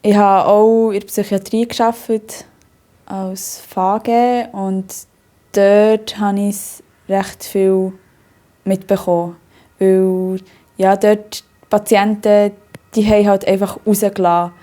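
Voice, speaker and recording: Young woman, Bernese Swiss German accent, mellow warm voice, chatty interview storytelling, laughs a lot. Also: mid-range voice, level tone, takes it slowly. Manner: hearty, laughs often and loudly; talks at length with many fillers and restarts.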